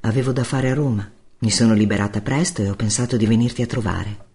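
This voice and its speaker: A man reading an audiobook, lightly voicing a calm, gentle young woman who is an old friend. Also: on the low side, quick pace, close to an everyday voice.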